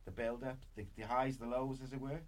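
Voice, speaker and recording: Here a Welsh podcast host rambles informally, sprinkling "like" throughout his speech. He has a mid-range voice with a level tone and a fairly quick pace, captured in a clear recording with background noise.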